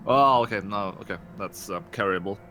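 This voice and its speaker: A man playing a tabletop game, speaking haltingly. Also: fairly low pitch, pushed and bright, slight background noise. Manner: hesitant, halting. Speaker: player. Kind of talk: casual play.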